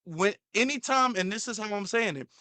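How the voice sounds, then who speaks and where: A man's voice: high-pitched, lively intonation, a little fast, pushed and bright, no echo. A man hosting a commentary channel, reacting to a clip in a heated, repetitive way, sometimes stumbling over his words.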